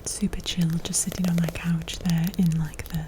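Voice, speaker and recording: A woman with an American accent whispers softly in a casual ASMR chat, rambling and haltingly searching for her words. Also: fairly low pitch, flat delivery, noisy background. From United States. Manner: soft, unvoiced whispering. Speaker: ASMR creator and host.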